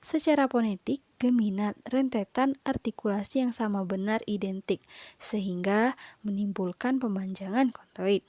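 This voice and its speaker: A young adult university student from Indonesia presents a read-aloud lecture, reading listed points in short phrases with occasional fillers. Her mid-range voice is warm, at a moderate pace, with no room sound.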